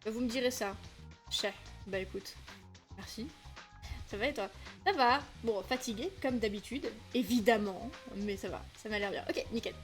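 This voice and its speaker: A woman's voice: on the high side, moderate pace, soft background music. A woman from south-west France chatting casually as a streamer, with a loose flow full of fillers and restarts. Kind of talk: casual livestream chat.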